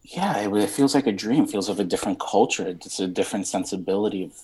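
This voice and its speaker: A man's voice: fairly low pitch, fast, a little mellow, slightly rough, poor audio. A man in his thirties from Romania, talking in a rambling, searching way with lots of fillers and some casual swearing as an interview guest. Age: 30s.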